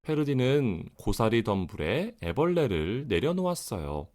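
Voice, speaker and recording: Slow, lively, over-enunciating male storybook narrator. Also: mid-range voice. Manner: over-enunciated, very careful articulation. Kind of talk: expressive children's story reading.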